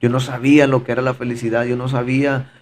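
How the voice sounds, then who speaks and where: A man's voice: medium pitch, little pitch movement, quick pace, a little hiss or hum. A man giving a fervent, repetitive personal testimony in conversation, often calling his listener brother. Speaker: podcast guest giving testimony.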